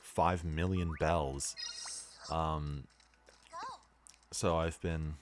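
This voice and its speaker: A man's voice: low-pitched, slight background noise. A young man rambling casually with lots of fillers while commenting on his gameplay as a let's play host. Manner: rambling, laid-back, many fillers.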